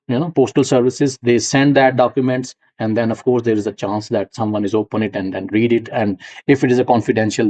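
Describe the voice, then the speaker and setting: A middle-aged man from Punjab with a Punjabi accent gives a university classroom lecture, explaining ideas step by step and checking in with his students. His voice is mid-range and warm.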